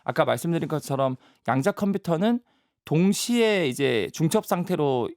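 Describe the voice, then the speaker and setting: A man's voice: on the high side, lively intonation, moderate pace, a little mellow, no echo. A man speaking as a science communicator, patiently explaining ideas with everyday analogies in a studio interview. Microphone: studio mic.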